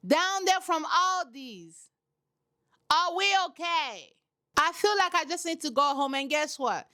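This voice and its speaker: A woman giving casual reaction commentary on a reality TV show, emphatic and preachy, repeating her points and talking straight to her listeners. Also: high-pitched. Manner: animated, talks straight to her audience.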